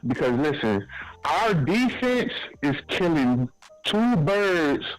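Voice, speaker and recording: A man's voice: a little high, sing-song, takes it slowly, rough recording. A man calling into a sports show, laid-back and casual, full of folksy sayings. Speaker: caller. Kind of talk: casual sports call-in talk. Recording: phone-in call with music behind.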